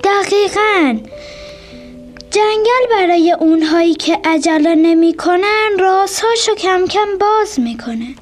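A woman voicing a wise, calm owl in a children's story, talking softly and patiently. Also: very high voice, faint music behind, pitched above the performer's own voice. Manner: soft, warm, patient.

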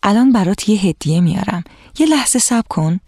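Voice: mid-range voice, lively intonation, a little mellow, husky, dry recording, clean studio sound. A narrator voicing a kind old retired teacher. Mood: gentle. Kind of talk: children's storybook reading.

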